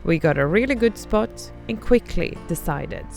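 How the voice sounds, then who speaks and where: Low, creaky woman narrating over music. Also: lively intonation, normal speed, darkish tone. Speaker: vlog narrator. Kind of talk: scripted travel vlog narration.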